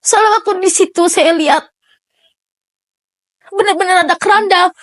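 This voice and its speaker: A middle-aged woman telling a personal story in an interview, halting and emotional, with many restarts. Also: extremely high pitch, a bit bright, no room sound. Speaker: interviewee, mother of a sick child.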